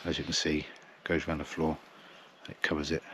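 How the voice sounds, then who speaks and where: Middle-aged English man, low and level delivery, casual outdoor vlog, arm's-length camera. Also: completely flat delivery, brisk, sharp tone, a little hiss or hum. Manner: plain, chatty, matter-of-fact. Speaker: wildlife photographer. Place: outdoors in a field by trees.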